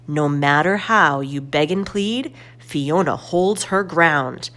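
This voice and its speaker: A woman storyteller reads aloud to children in an expressive way, her slightly low voice moving through lively, varied intonation. She takes her time and phrases each line deliberately.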